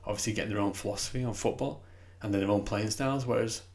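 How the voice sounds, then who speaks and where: A man's voice: fairly low pitch, fast talker, darkish tone. Opinionated man in casual football chat. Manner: opinionated, rambling, calls the other "mate". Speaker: podcast co-host.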